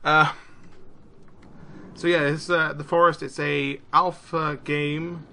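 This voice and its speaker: Excitable British man playing a game. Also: on the high side, slow pace, gravelly, slight background noise. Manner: chatty, excitable exclamations. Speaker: gaming YouTuber. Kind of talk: casual let's-play commentary. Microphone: desk mic, no camera.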